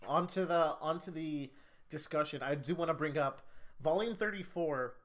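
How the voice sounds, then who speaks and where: A man's voice: fairly high pitch, moderate pace, a bit bright. A man co-hosting a podcast in casual chat, eagerly steering the discussion along. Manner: enthusiastic, steers the talk. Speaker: podcast co-host.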